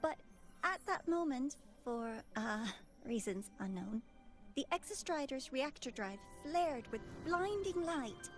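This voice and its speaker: A timid, hesitant assistant. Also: female voice, high voice, animated, takes it slowly, faint music behind. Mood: nervous. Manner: hesitant, stumbles over words. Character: timid young woman assistant reading aloud. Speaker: teaching assistant. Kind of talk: game voice acting.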